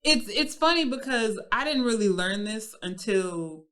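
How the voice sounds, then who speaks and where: A woman in her thirties co-hosting a podcast in casual chat, animated and quick to laugh. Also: medium pitch. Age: 30s. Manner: animated, laughs often, slips into playful impressions. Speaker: podcast co-host.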